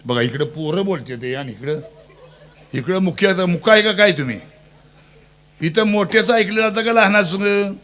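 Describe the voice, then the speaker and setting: A man's voice: sits high, moderate pace, long pauses, a bit bright. A man preaching a devotional kirtan, teasing and quizzing his listeners and breaking into sung verses. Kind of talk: Marathi devotional kirtan sermon.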